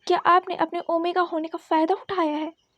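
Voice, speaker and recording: A woman voicing pushy news reporters who fire rapid, insistent questions in a read-aloud story. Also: extremely high pitch, level tone, a bit bright, no echo.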